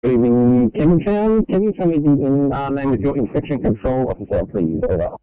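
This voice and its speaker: A man's voice: medium pitch, lively intonation, fairly quick. A man working as a radio check operator, speaking in procedural two-way radio exchanges over a narrow, tinny transmission.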